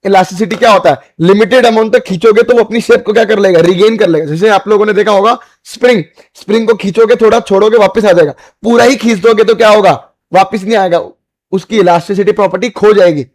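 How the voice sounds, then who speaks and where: A man with an Indian accent delivers an exam-prep biology lecture in a fairly high voice. He repeats each point, asks the class whether it is clear, and calls the students "beta" and "bhai". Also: steady tone, fast talker. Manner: repetitive, asks students if they understood. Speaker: biology teacher.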